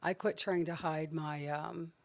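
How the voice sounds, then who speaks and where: Woman w/ appalachian twang from southern ohio, low pitched, just chatting on a podcast. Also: steady tone, measured pace, creaky, no echo. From southern Ohio, United States. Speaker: stand-up comedian, podcast guest. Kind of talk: casual podcast chat.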